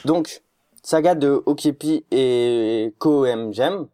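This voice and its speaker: Male reviewer, mid-pitched voice, measured, halting delivery. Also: warm tone. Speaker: podcast reviewer. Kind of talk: casual review chat.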